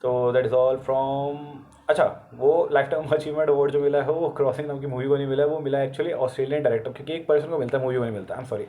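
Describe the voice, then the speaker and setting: A man's voice: mid-range voice, fairly even intonation, fast talker, hardly any pauses, warm tone, slight background noise. An Indian man with a sore throat talks through the day's news for exam students. He is casual and chatty, slips English phrases into his Hindi, and stops to correct himself. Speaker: current affairs tutor.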